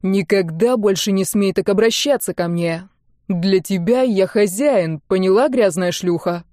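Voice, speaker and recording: A woman voicing a cruel, mocking adult male duke who talks slowly with contempt. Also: medium pitch, a little mellow, dry recording, studio quality, lightly acted. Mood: furious. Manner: slow, sneering and contemptuous.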